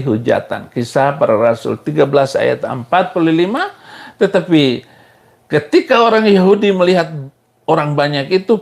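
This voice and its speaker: A middle-aged man preaching a sermon, mocking critics, laughing at his own jokes and jumping sharply in pitch. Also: creaky.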